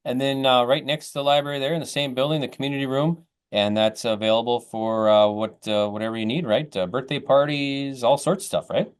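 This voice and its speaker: Guy hosting a small town chat show, folksy, casual, average pitch. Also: fairly even intonation, brisk, few pauses, clean tone. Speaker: host of a local chat program. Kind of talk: casual community interview.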